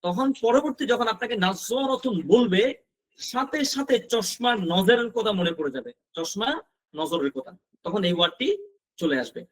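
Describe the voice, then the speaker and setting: Male teacher, high voice, patient vocabulary drilling, talks straight to students. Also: animated, fairly bright tone. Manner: repeats words slowly for drilling; addresses students directly with questions. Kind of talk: recorded vocabulary lesson.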